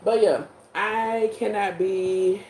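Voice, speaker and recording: A woman's voice: mid-range voice, fairly even intonation, slow, a little mellow, a little hiss or hum. Young woman, twenties, frank rambling vlogger at home, roomy phone sound. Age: 20s. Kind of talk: casual late-night vlog. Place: home bedroom at night. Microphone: phone held in hand.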